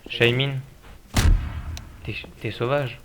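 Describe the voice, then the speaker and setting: A man's voice: medium pitch, fairly even intonation, takes it slowly, a bit bright, a little hiss or hum. A tired man working as a game server admin, scolding players in casual gameplay commentary. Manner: exasperated, scolding players about respect.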